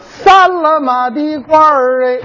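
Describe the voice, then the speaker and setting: A man's voice: very high-pitched, takes it slowly, bright, forceful tone, slight background noise. A man performing as the lead in a crosstalk comedy routine. He jokes and breaks into sung street-vendor calls. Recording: dull lo-fi recording with long reverb.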